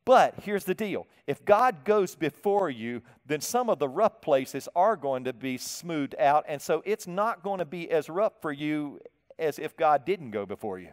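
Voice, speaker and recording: A male pastor delivers a sermon in a folksy, animated way, tossing questions to the congregation and chuckling at his own asides. His voice sits high and comes through smooth and resonant. The sound carries the long reverb of a church sanctuary. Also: unhurried.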